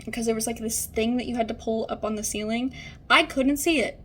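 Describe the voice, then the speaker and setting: A woman's voice: fairly high pitch, steady tone, a little fast, slight background noise. A young woman telling a personal story in a casual get-ready-with-me vlog, chatty, full of fillers and restarts. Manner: chatty, many fillers and restarts, acts out quoted people.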